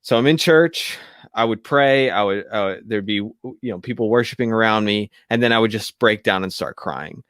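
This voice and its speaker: A man who is a radio show guest, telling a personal story in a halting, candid way with many restarts. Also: on the low side, a bit bright, clear, resonant tone, dry recording, studio quality.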